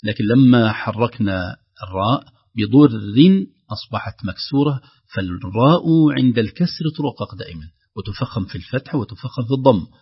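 A man with a husky, breathy voice teaches recitation rules in a dry, close room, explaining patiently and pausing to chant example words louder and slower. The recording has a dull, lo-fi sound. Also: lowish voice, lively intonation, dry recording. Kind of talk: tajweed lesson with recited examples.

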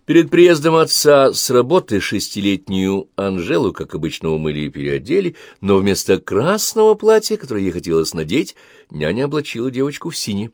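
A man narrating an audiobook story in an expressive, dramatic way. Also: lowish voice, fairly quick, no echo, clean studio sound. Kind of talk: audiobook reading.

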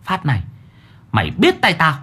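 A man's voice: very high voice, fairly quick, sharp tone, pitched above the performer's own voice. A man voicing a scrappy young boy sorcerer who talks in a whiny but defiant way, in an audiobook.

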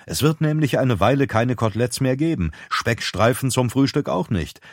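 A man's voice: mid-range voice, lively intonation, normal speed, no echo, clean studio sound, pitched above the performer's own voice. A man voicing a tired mother of the family in an audiobook, speaking plainly and matter-of-factly. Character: worn-out mother of the family, near tears. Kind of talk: audiobook character voice.

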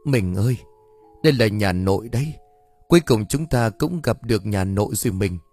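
Man doing a calm, gentle wife. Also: on the low side, normal speed, faint music behind. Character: calm middle-aged wife, gentle and steady.

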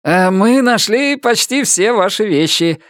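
An evasive middle-aged realtor hems and stumbles through excuses, as a man voices him. The voice sits higher than a plain reading and swings widely in pitch. The sound is dry and close. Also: lively intonation, measured pace, fairly bright tone, dry recording. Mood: relieved. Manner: hesitant, hemming and mumbling.

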